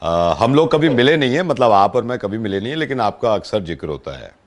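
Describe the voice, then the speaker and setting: A man's voice: fairly low pitch, big pitch swings, fairly quick, a little hiss or hum. A middle-aged man making a prank phone call, posing as a family friend, earnest at first and then teasing, his voice climbing as he gets worked up. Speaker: radio prank caller.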